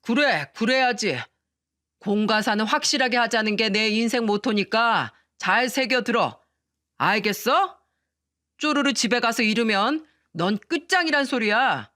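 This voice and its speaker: Woman putting on a drunken bully of a middle-aged man, slurred and bossy, pitched up and drawn out, storybook reading. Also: expressive, unhurried, bright, forceful tone, dry recording, studio quality. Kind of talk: storytelling radio narration.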